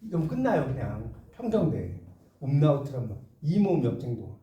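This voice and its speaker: A man giving a lively classroom lecture, chatting with students and asking them questions. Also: mid-range voice, brisk, lo-fi sound. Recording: roomy classroom sound, mic far off.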